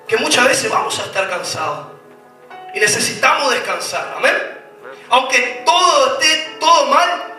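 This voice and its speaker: A man preaching a sermon as pastor, asking the congregation questions and rising to shouts. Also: extremely high pitch. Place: church hall. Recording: very echoey church hall, mic at a distance, faint music.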